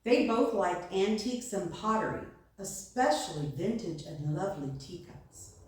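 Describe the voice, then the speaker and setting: A woman reading a devotional story aloud in a gentle storytelling manner. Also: medium pitch, very echoey, recorded from a distance. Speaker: devotional reader. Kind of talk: slow read-aloud devotion.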